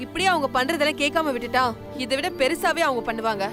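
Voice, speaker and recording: Actress playing a firm young woman, high voice, confrontational, background music. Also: quick pace, close to an everyday voice. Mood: determined. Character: defiant young woman standing up for her sister. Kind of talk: TV serial acting.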